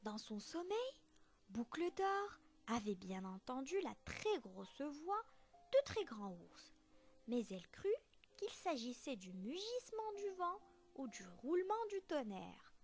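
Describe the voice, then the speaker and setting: Slow expressive woman reading a story. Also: high voice. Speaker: teacher. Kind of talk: children's story read aloud.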